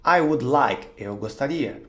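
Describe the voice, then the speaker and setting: A man whose first language is Portuguese teaching an English grammar lesson, saying example sentences slowly and with stress, then translating them. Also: medium pitch, expressive.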